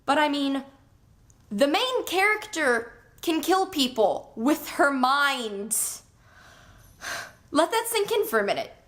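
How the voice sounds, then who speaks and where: A young woman casually reviewing a book, excitable and gushing in a chatty way. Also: sits high, slow pace, long pauses.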